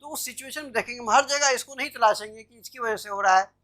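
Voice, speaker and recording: A woman with a high voice teaches grammar to students on a video call. She explains patiently, step by step, and keeps asking whether they follow. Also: quick pace, fairly bright tone. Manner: explanatory, checks understanding with "theek hai na". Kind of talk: online class lecture.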